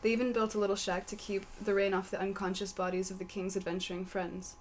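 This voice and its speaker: A woman reading a comic fantasy story aloud in a matter-of-fact, deadpan way. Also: medium pitch, fast talker, a little hiss or hum. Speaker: story reader.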